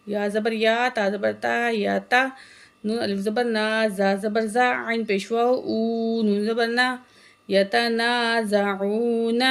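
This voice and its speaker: Brief: woman Quran tutor, slightly high voice, spells letters, recites slowly, explains fast. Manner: quick explanations with "ٹھیک ہے؟" checks. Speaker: Quran reading teacher.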